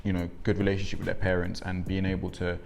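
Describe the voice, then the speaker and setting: A man's voice: deep voice, monotone, fast talker, vocal fry, a little mellow, slight background noise. A man in his twenties, born in Congo and raised in England, speaking reflectively with frequent ums in a documentary interview. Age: 20s. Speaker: interviewee, young father.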